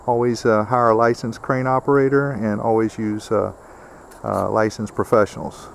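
A gravelly, low-voiced man keeps a level tone and moderate pace while demonstrating a build outdoors on a homestead. He's plainspoken, says "uh" a lot, and goes step by step, with a bit of background noise.

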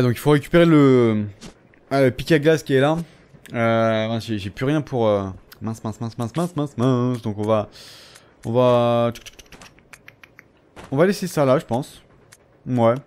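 A man casually commentating his gameplay, talking straight at the characters, mocking and taunting enemies, dropping from low muttering to excited yelps. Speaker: let's play gamer.

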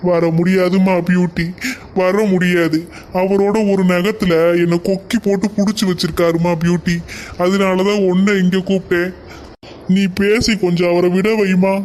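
A man's voice: high voice, level tone, normal speed, darkish tone. A man voicing a cowardly, bald husband in a cartoon who whines, begs and fawns. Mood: coaxing. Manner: whining, begging, fawning.

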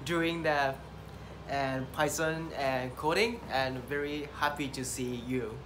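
A man from Japan, a student, introducing himself shyly with halting speech and small laughs. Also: fairly high pitch, background noise. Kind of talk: self-introduction.

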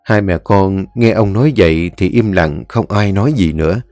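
A man narrating a scripted ghost story in a measured, somber way. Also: deep voice, darkish tone, no echo, studio quality, faint music behind.

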